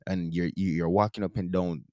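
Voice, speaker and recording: A man speaks in a low, mellow voice with a Toronto slang accent touched by Caribbean speech. He comments casually and with strong opinions, repeating points for emphasis. The recording is close and dry. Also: fairly even intonation, moderate pace, no room sound. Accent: Toronto, with Caribbean-influenced slang. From Toronto, Canada. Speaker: commentary video host.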